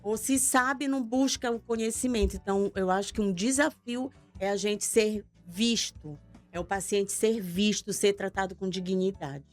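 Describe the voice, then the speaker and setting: A woman's voice: medium pitch, normal speed, a little mellow, faint music behind. A woman, a guest on a TV interview, talking in a casual, emotional, talkative way. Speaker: guest, patient association organizer.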